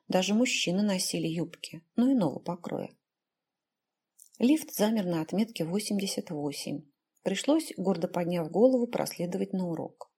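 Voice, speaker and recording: Husky-voiced woman reading an audiobook. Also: mid-range voice, warm tone. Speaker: audiobook narrator. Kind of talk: first-person audiobook reading.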